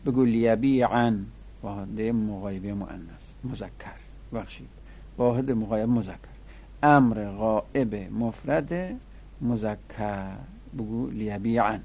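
A man's voice: fairly low pitch, dark tone. Man chanting grammar drills in lessons. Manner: drills verb forms in slow, sing-song chanted repetitions; corrects printing errors in the textbook. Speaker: Arabic grammar teacher. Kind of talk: classroom lecture.

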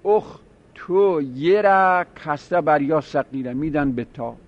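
A man's voice: a little high, expressive. A man teaching a grammar lesson, explaining step by step and repeating word forms to drill them. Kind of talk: seminary-style grammar lesson. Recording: dull lo-fi recording.

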